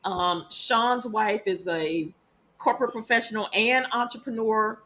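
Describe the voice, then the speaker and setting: A woman's voice: on the high side, unhurried, sharp tone. A woman hosting an online talk show, upbeat and teasing her guests. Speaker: show host. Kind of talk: casual hosted chat.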